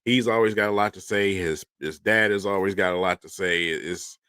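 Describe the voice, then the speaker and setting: A man speaks on a casual sports panel in a very deep, forceful voice. He makes his points emphatically and drives them home by repeating them. The sound is dry and close. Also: steady tone, normal speed, clean tone, no echo. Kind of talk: casual sports roundtable chat.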